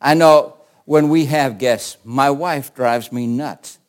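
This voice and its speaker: A man's voice: medium pitch, slow, clean tone. A male pastor preaching a sermon and reading scripture aloud, often asking the congregation rhetorical questions.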